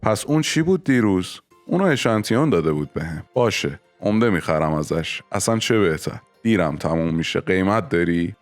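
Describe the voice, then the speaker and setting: A sharp-tongued, mocking older woman from a narrated confession story, as a man puts her on. Her voice is lifted above his own low register but stays fairly deep, recorded close and dry with no room sound. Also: expressive, few pauses, no echo, faint music behind. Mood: eager.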